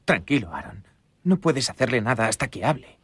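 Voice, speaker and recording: A man playing a breathy, uneasy younger brother. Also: mid-range voice, big pitch swings, a little fast, a bit bright. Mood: cautious.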